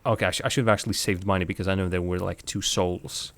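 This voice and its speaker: Fast and fairly bright, this low, fairly even voice belongs to a young non-native English speaker from Latvia. He gives casual commentary as he plays live, reasoning out loud and replying to chat.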